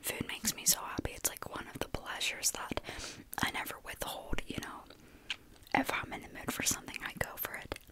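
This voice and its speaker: Whispering young woman tasting snacks. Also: moderate pace. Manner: soft whisper with eating sounds; chatty, says like and you know often.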